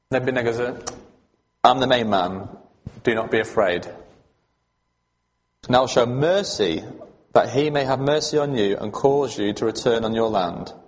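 A man preaching a sermon in a church, talking in a conversational but emphatic way and asking his listeners questions. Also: mid-range voice. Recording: long hall reverb.

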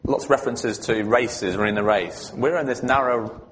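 A man's voice: mid-range voice, moderate pace, a bit bright, slight background noise. A man preaching a sermon in a church, talking in a conversational but emphatic way and asking his listeners questions. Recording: long hall reverb.

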